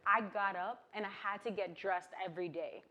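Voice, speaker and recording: A woman's voice: mid-range voice, fairly even intonation, normal speed, sharp tone, dull audio. A woman from Queens, talking candidly and casually as an interview guest, often saying "like" and "you know". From Queens, New York, USA. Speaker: interview guest, singer-songwriter.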